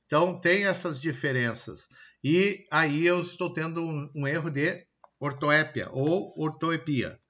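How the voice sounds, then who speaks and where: A man with a Brazilian Portuguese accent teaching a recorded grammar lesson, checking in with "tá?" and sounding out example words slowly. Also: fairly high pitch, pushed and bright, dull audio. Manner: explanatory, pausing with frequent "tá?" and "ok?" checks; slow, deliberate word-by-word example pronunciations.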